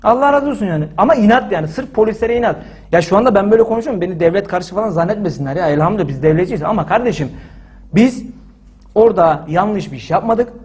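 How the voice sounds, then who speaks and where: A man telling a story in casual talk, animated and indignant, acting out the lines of the people in it. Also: high-pitched, fast, husky. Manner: animated, acts out quoted dialogue with frequent "dedim"; indignant and emphatic.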